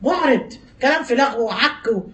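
A woman with an Egyptian Arabic accent giving a religious lesson to women, animated and teasing, mimicking gossip and firing off rhetorical questions. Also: on the high side, dull audio. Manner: rapid-fire rhetorical questions. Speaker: religious teacher.

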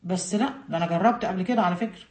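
A woman's voice: fairly low pitch, rapid-fire, darkish tone. A woman with an Egyptian accent giving a religious lesson, speaking earnestly and directly to her women listeners. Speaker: religious teacher. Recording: roomy echo.

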